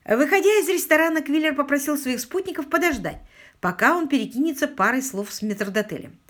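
A woman narrating an audiobook with expressive storytelling. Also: sits high, a little fast. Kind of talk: scripted narration.

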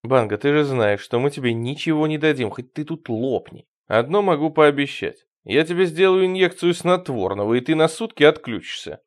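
A man's voice: on the high side, expressive, normal speed, hardly any pauses, lightly acted. A man voicing a mocking, heavyset male asylum doctor in a storybook reading. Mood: taunting. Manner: mocking, sarcastic.

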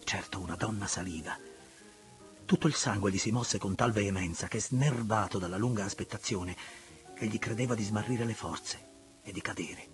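Low-voiced man narrating a novel. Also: faint music behind. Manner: measured, expressive, at times hushed. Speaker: audiobook narrator. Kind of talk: literary audiobook narration.

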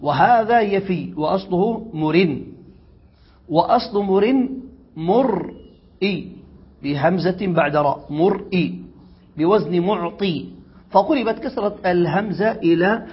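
A man teaching an Arabic grammar lesson, reading a passage aloud and then explaining it slowly with questions to his students. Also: high voice, slightly rough. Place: classroom or study circle. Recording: dull lo-fi classroom recording.

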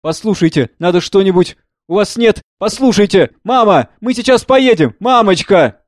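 A man's voice: sits high, animated, moderate pace, no echo, studio quality, voice pushed up. A man reading the part of a wounded young son who speaks in an eager, urgent rush.

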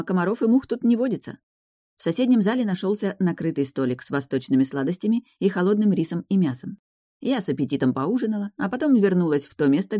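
A woman's voice: on the low side, mellow, no room sound. A woman narrating a first-person audiobook in a wry, sardonic way, close to the mic.

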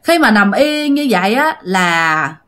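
A woman with a Southern Vietnamese accent narrating a ghost story in an unhurried way, with many drawn-out fillers. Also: mid-range voice, big pitch swings, a bit bright.

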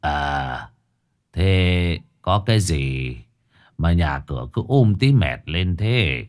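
Old shaman, voiced by a male narrator: deep, hushed, slow. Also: expressive. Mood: probing. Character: old village shaman, sly and unhurried.

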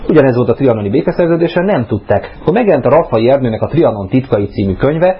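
A man rambling casually on a radio show, mixing crude jokes into his talk. His voice is husky and mid-pitched. The low-bitrate recording sounds dull and muffled. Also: lively intonation.

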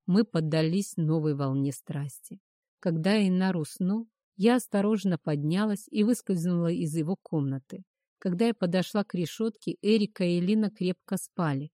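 A woman narrating a first-person story as an audiobook in an even storytelling manner. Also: lowish voice, normal speed, no room sound, clean studio sound.

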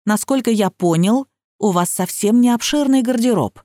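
A woman reading the part of a calm, authoritative male detective boss who speaks in measured, commanding tones. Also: very high voice, dry recording, studio quality. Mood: calm stern.

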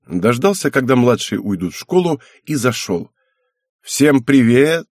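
A man reading an audiobook aloud in an even, matter-of-fact way. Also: medium pitch, normal speed, dry recording, studio quality. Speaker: audiobook narrator. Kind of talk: audiobook narration.

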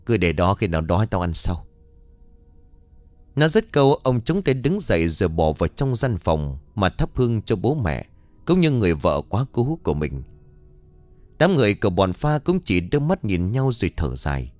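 A man narrating an audiobook in an expressive storytelling way. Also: on the low side, moderate pace, no room sound. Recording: faint background music, dry studio.

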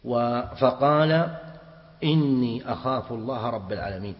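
A man teaching a classical religious text to students, explaining it slowly and quizzing them as he goes. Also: medium pitch, lively intonation. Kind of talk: mosque lesson explaining hadith. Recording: dull reverberant hall recording.

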